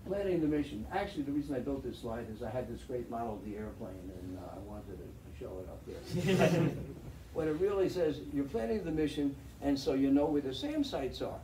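This guest speaker, an older man and veteran pilot, talks a little fast with big pitch swings in a medium-pitched voice. He narrates his slides to an audience wryly and chattily, restarting now and then, in a meeting room with a projector screen. A far-off audience camera makes the recording roomy, distant and faintly noisy.

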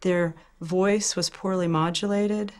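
A middle-aged woman researcher who questions her subjects gently and patiently, then explains her findings. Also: fairly low pitch, steady tone, takes it slowly. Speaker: researcher testing twins. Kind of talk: clinical interview.

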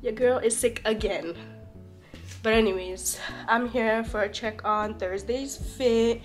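A woman's voice: a little high, takes it slowly, soft background music. A young woman with a cold and a congested voice, chatting upbeat and slangy through a casual outfit vlog. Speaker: fashion vlogger.

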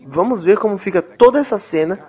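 A man hosting a pronunciation lesson, explaining slowly and repeating words. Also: high-pitched, expressive, mellow, slightly rough, soft background music. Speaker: English teacher and channel host.

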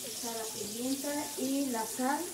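In a noisy, echoing home recording, a woman with a high voice and a Mexican Spanish accent speaks a little slowly. As a home cook presenting recipes, she gives a casual step-by-step voice-over, homely and sprinkled with diminutives.

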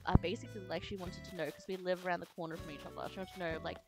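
A woman's voice: fairly low pitch, steady tone, rapid-fire, over loud music, poor audio. A woman chatting casually to her viewers while playing a game, giggling often. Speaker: streamer. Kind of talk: casual gameplay chat.

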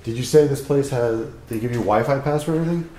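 A man's voice: mid-range voice, fast. A man in his thirties vlogging casually to a handheld camera, joking and crude. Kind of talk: casual vlog chat. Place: car, shops and rental home. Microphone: handheld action camera. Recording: loud background noise.

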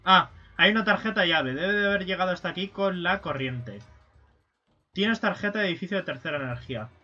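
Foul-mouthed gamer yelling at enemies. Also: male voice, high-pitched, a little fast, husky. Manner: swears and yells at enemies. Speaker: gaming streamer. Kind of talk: casual let's-play commentary. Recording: slightly dull stream audio with game music.

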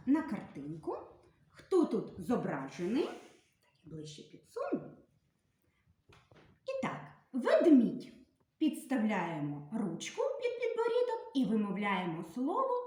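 A woman's voice: medium pitch, huge pitch swings, unhurried, long pauses, a little mellow. Sing-song woman teaching small children. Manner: sing-song, exaggerated word stress for children. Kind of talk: slow children's literacy lesson. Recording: echoey room.

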